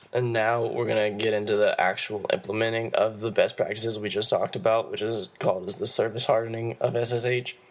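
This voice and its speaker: A young student presenter, hoarse and losing his voice, gives a class presentation. His voice is on the low side, and he explains the steps haltingly, restarting often.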